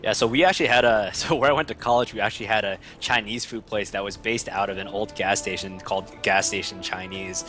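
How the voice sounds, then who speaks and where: A young American man casts an esports match, tired and rambling, joking at his own expense. His voice is a bit low but bright and forward. Faint music plays behind him. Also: steady tone, fast, hardly any pauses. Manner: rambling, joking, self-mocking sarcasm. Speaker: esports caster. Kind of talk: casual esports commentary.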